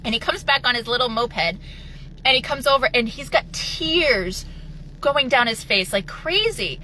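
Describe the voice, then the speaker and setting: A high, bright woman's voice telling a heartfelt personal story with earnest, animated energy. She slips into the voices of the people she quotes, then returns to her own inspirational tone. A faint hum of ambience sits behind her. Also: unhurried, rough recording. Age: adult with children. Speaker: motivational speaker.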